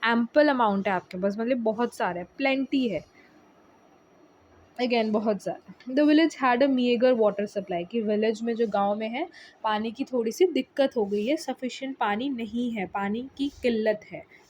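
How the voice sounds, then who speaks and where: A woman's voice: on the high side, normal speed, a little mellow, slight background noise. A young woman teaching exam vocabulary in a casual lesson, explaining patiently and repeating key words. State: tired.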